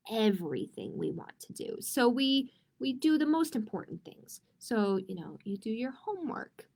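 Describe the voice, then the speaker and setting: A high-pitched woman reads slowly to children as a librarian storytime host. Her picture book read-aloud is expressive and deliberate, aimed directly at her young audience.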